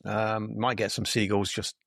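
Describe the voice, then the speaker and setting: A man in his fifties, a dentist co-hosting, talks in a wandering, hesitant way with many restarts. His voice is on the low side. The sound is dry, like a video call. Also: little pitch movement, moderate pace, gravelly, fairly bright tone, no echo. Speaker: dentist and podcast co-host. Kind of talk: casual interview chat.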